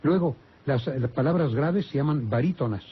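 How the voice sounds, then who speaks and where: An older man with a Mexican accent explains words and accent rules for radio listeners. He speaks slowly and patiently, pausing and correcting himself as he goes. His voice is husky, and the broadcast sounds dull and lo-fi. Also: mid-range voice, expressive. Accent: Mexican Spanish. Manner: slow, explanatory, many hesitations and self-corrections. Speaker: language expert answering listener questions. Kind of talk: radio call-in chat.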